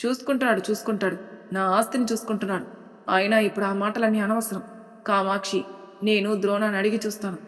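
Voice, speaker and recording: A woman's voice: medium pitch, fast, big-room sound, natural voice. Stern old grandfather, voiced by a woman narrator. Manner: firm, scolding, calm authority. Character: stern elderly grandfather, head of family.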